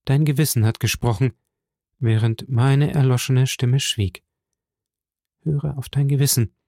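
A man's voice: medium pitch, steady tone, a little slow, a little mellow, no echo, studio quality, lightly acted. A man voicing an anxious, grieving noble mother in an audiobook reading. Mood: sorrowful.

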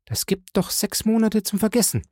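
A man's voice: high voice, big pitch swings, normal speed, darkish tone, slightly rough, dry recording, clean studio sound, voice pushed up, full character voice. A man voicing a middle-aged noblewoman who coaxes and implores in a sweet, raised voice. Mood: pleading. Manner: imploring, coaxing.

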